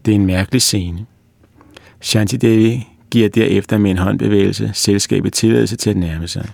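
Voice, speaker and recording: A man narrates a story aloud at a steady, measured pace. His voice sits low and has a gravelly edge. The recording is close and dry. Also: no echo. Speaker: reader.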